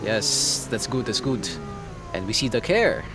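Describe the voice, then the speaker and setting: A man doing casual live commentary on a sim racing stream, relaxed and chatty, laughing often. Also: medium pitch, unhurried.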